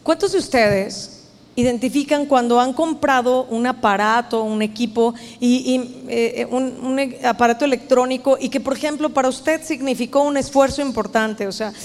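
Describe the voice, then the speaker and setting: A woman preaches a sermon to a women's meeting in a church meeting hall, speaking directly to her listeners. Her voice is high-pitched at normal speed, earnest and emphatic, with long hall reverb on the recording.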